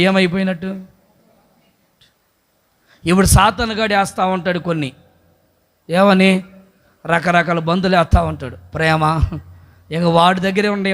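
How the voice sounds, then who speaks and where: High-voiced preaching pastor. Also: male voice. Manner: swings from loud exhortation to soft pleading. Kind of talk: sermon. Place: church service.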